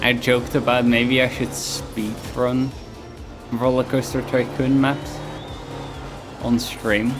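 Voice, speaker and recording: A man with a mid-range voice streams a game from home, speaking slowly in a level tone with long pauses. His casual talk wanders, mocks himself, and often trails away, with game music in the background.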